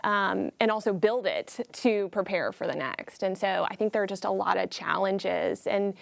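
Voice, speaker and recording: Gravelly-voiced woman panelist. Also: medium pitch, no room sound. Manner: measured, thoughtful, with fillers. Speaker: political panelist, former state senator. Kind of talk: studio panel discussion.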